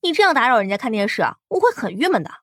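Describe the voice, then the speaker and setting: A man voicing a sulky young woman in a high falsetto. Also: sing-song, rapid-fire, a bit bright, dry recording, clean studio sound, full character voice.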